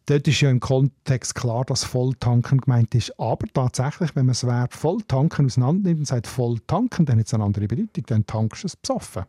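Swiss man explaining, mellow and dry. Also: mid-range voice, lively intonation, a little fast, few pauses, husky, no echo. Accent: Swiss German. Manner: explanatory, tag questions ending in "oder?". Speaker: linguist co-host. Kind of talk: casual radio chat.

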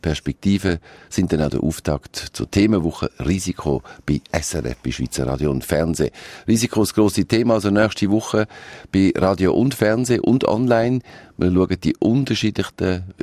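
A man's voice: deep voice, a little mellow, no echo. A man, presenting live on radio in a loose way, correcting himself as he goes.

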